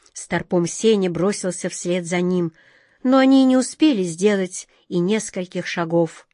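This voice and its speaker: A woman reads a children's tale aloud, measured and expressive, in a mid-pitched voice. The recording is close and dry, with no room sound. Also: dry recording. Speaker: narrator. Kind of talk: storybook reading.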